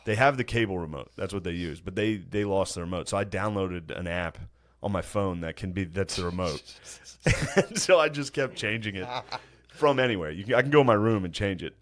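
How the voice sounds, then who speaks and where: A man's voice: deep voice, animated, a little fast. Profane, laughing man telling stories. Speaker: podcast host. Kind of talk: casual podcast chat.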